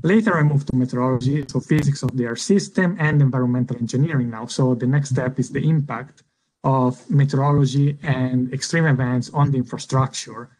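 A man's voice: mid-range voice, steady tone, a little fast, darkish tone, rough recording. A man, an assistant professor, introducing his research on a video call, hesitant with many fillers. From Italy. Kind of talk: online panel self-introduction.

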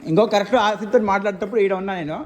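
A man vlogging as he explores an abandoned building. He talks quickly and excitedly, then drops to hushed low talk. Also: big-room sound. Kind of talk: casual handheld ghost-hunt vlog.

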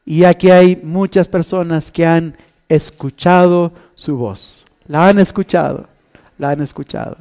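High-voiced pastor preaching. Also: male voice, unhurried. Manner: call-and-response questions to the congregation; swings from hushed, low lines to loud, stretched calls. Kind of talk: sermon.

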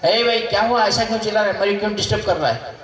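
Guy doing a cranky high-pitched king, scolding fast, far off in an echoey hall. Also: fairly bright tone. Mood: irritated. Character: grieving king, irritable and impatient.

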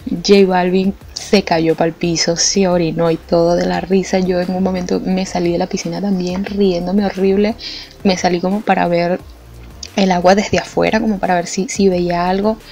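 A young Venezuelan woman telling a funny anecdote in a lively, colloquial way, laughing often. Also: on the low side, normal speed. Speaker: art vlogger. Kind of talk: casual storytelling. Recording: slightly muffled with faint music. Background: faint background music.

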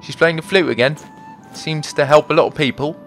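A man's voice: fairly high pitch, brisk, faint music behind. A man hosting a let's play video, chatting, thinking aloud, and joking at his own expense as he plays. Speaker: gaming video host.

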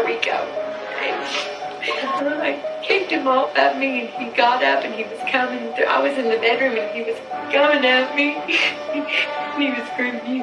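A woman being questioned by police, talking haltingly and repeating herself with nervous laughs, on a distant interrogation-room recording. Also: high-pitched, highs cut off. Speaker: murder suspect under interrogation. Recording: echoey room tape from far off. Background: documentary music.

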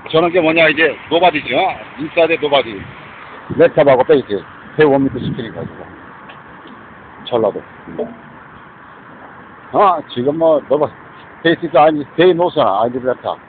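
Rambling man on a tinny line. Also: a little high. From South Korea. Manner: disjointed, repetitive ranting. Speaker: vlogger. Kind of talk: rambling spoken monologue. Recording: tinny phone-like recording with faint noise.

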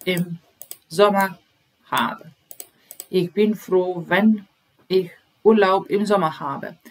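With a lowish, somewhat bright voice, a German teacher in her thirties gives a slow, explanatory lesson to her webcam in a small room. She patiently goes over phrases one word at a time.

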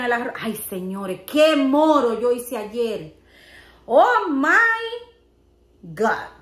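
A young Dominican woman with a high-pitched voice and a Dominican Spanish accent tells a story on her vlog. She talks in a chatty, animated, exclamatory way and acts out the voices she quotes. She is recorded in an echoey room at home. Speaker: vlogger.

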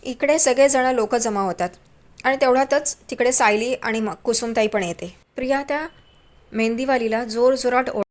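A woman's voice: a little high, normal speed. A woman narrating a recap of a TV serial episode in a chatty storytelling way, adding mocking asides about the characters.

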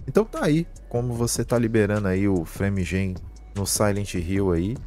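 Speaking with a Brazilian Portuguese accent, a man whose voice is low and a little mellow narrates an informal gaming tutorial one step at a time. It's a casual screen-share with live commentary and plenty of colloquial tags.

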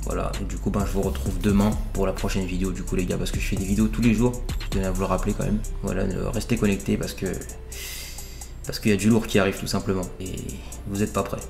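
A young man signing off to his viewers in a quiet, low-key, hesitant way. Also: flat delivery, quick pace, gravelly, soft background music. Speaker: vlogger. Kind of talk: calm outro to viewers.

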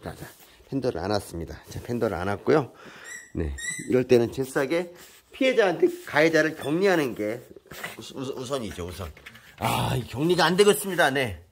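A man's voice: medium pitch, very animated, moderate pace. A man narrating and refereeing his pet dogs in a casual home video, scolding and coaxing them as he goes. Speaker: pet vlogger. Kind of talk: casual narration to camera and pets. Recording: loud background noise.

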